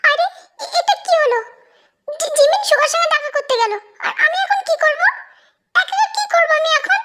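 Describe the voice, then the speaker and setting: A woman's voice: very high-pitched, normal speed, a bit bright, voice pushed up. A woman voicing a flustered, shy young man in a storybook reading who stammers and protests.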